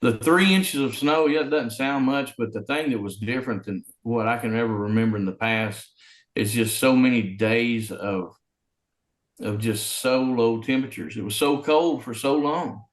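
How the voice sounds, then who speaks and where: Man on a breaking-up video call. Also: mid-range voice. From Arkansas. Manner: halting, many fillers and restarts. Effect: remote conference call audio that breaks up. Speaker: city public works official. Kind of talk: interview over a video call. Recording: roomy sound over a breaking-up call line.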